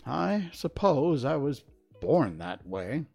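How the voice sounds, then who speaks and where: A reader voicing a big, cowardly male lion in a storybook reading, speaking gently and mournfully with hesitant pauses. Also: medium pitch, very animated, vocal fry, faint music behind, pitched above the performer's own voice, full character voice. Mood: sorrowful.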